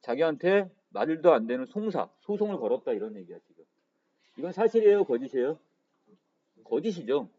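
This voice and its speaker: A man's voice: fairly high pitch, very animated, fairly quick, mellow, husky. A man teaching Korean literature for exam prep, who keeps saying "자" and asks his students questions before answering them himself. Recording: dull lo-fi lecture audio.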